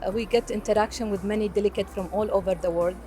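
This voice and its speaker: A woman's voice: mid-range voice, fairly even intonation, fast, mellow. A woman conference attendee giving straightforward vox pop answers. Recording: faint music underneath.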